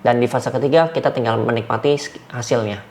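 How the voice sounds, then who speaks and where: A man's voice: mid-range voice, fairly even intonation, quick pace. Man giving numbered dog training tips. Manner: numbered points, demonstrates commands with sharp shouts.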